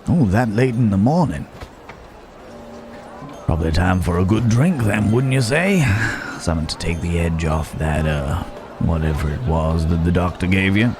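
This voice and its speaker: Over music, a man with a low voice and lively intonation plays a roguish, genteel Wild West stranger in an ASMR roleplay, addressing the listener directly. He's easygoing and amiable, unhurried, wry, and musing, with drawn-out pauses.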